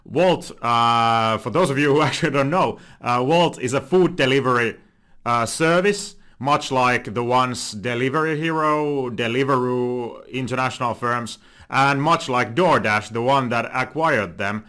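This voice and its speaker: A man's voice: medium pitch, measured pace, bright, forceful tone, clear, resonant tone. A young Finnish man with a Finnish accent hosting a casual finance commentary video, talking with frequent "uh"s and self-corrections. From Finland. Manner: many filler "uh"s and restarts. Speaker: finance channel host.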